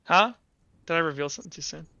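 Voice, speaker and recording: A man acts as game master for an online tabletop roleplaying game, chatting and explaining things informally. He talks fast in a creaky, sharp voice on the high side. The audio has a roomy echo and dull lo-fi quality, with music in the background.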